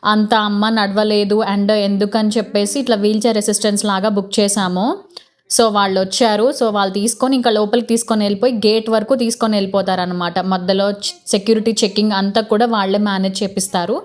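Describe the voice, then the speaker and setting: A woman in her thirties with a Telugu accent, narrating a family vlog in a soft, explanatory way. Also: mid-range voice, flat delivery, a little fast. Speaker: vlogger.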